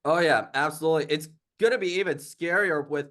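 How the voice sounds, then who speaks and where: A man's voice: fairly high pitch, a bit bright. A man co-hosting a sports podcast, eager and upbeat as he asks questions. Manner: upbeat, eager, quick to react. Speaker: podcast co-host.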